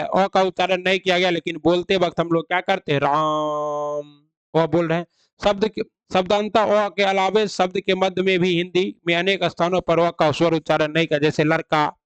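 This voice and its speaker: A Hindi grammar teacher gives an online exam-prep lecture, laying out each rule and then quizzing the listener with rhetorical questions he answers himself. His smooth, clear voice sits a little high and is recorded close up in a dry room.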